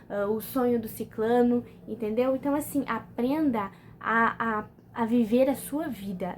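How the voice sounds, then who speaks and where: A woman's voice: a little high, slight background noise. A woman with a Brazilian Portuguese accent giving motivational self-care advice to camera in a casual, conversational way, often checking in with the listener. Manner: conversational, repeats "entendeu?" often, restarts. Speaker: personal development vlogger.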